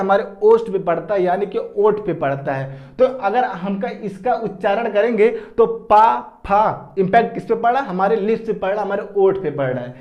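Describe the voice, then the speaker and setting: High-voiced man teaching grammar. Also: muffled recording. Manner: asks questions and answers them himself; repeats key terms, drawing out syllables. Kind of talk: exam-prep lecture.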